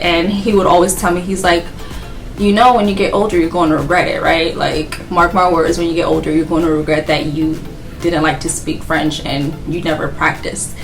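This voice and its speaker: A Haitian woman in her twenties vlogs a casual get-to-know-me chat, rambling about herself and laughing often. Her voice is lowish and a bit bright, and the recording is low quality.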